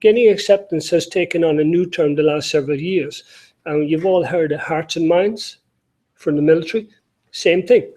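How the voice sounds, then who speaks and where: A man's voice: a little high, normal speed, darkish tone, rough recording. A middle-aged man with an Irish accent, giving a conference talk with many fillers and restarts. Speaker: panel speaker.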